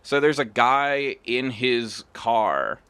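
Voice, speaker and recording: A man's voice: mid-range voice, big pitch swings, slow pace, a bit bright, clear, resonant tone. Chatty rambling male streamer. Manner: rambling, chatty, lots of fillers. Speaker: game streamer. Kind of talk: casual live-stream commentary.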